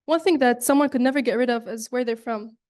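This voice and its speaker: A woman's voice: fairly high pitch, fast, a little mellow. A young woman from Saudi Arabia giving an earnest student presentation, with frequent fillers and restarts. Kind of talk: presentation talk.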